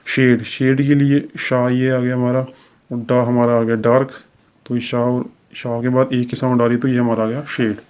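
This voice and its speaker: A man talks through a recorded lesson in a steady, unhurried teaching manner. His pitch sits in an ordinary middle range but barely moves, so his delivery stays even and level. He pauses with small fillers as he explains each step. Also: smooth, highs cut off. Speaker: shorthand teacher.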